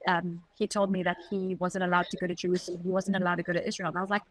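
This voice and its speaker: A South African woman with a matching accent appears as a podcast guest, sharing a personal story earnestly and reflectively in short, halting phrases. Her fairly low, level voice comes through a rough recording with no room sound.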